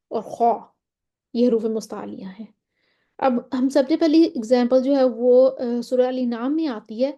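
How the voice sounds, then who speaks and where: A woman's voice: fairly high pitch, dark tone, muffled recording. A woman teaching a Quran recitation lesson, explaining step by step and often checking that her listeners follow. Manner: draws out Quranic example words slowly.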